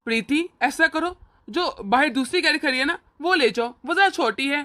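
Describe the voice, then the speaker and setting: A woman voicing a kind, indulgent young brother in an animated family cartoon, speaking gently and reassuringly. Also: sits high, moderate pace.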